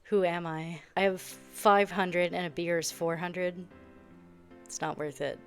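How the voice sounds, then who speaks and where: A woman's voice: lowish voice, steady tone, measured pace, clear, resonant tone, soft background music. A young woman giving casual, sarcastic commentary while she plays a game, often sounding exasperated. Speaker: gaming video creator.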